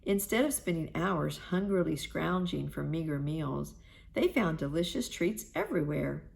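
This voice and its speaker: Low, slow, gravelly woman reading a storybook. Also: lively intonation, a little mellow. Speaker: storybook reader.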